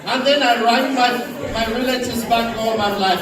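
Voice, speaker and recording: A man's voice: extremely high pitch, steady tone, normal speed, music in the background. A Zambian man in his forties gives a chatty, humorous talk to an audience in a large indoor hall, using a handheld mic and leading call-and-response. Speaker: guest speaker. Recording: echoey hall from far off with crowd and noise.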